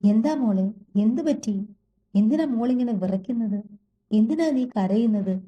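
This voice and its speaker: A woman's voice: fairly high pitch, animated, a little slow, muffled recording. A woman voicing an anxious middle-aged mother figure who asks worried questions in a slightly raised, fussing voice.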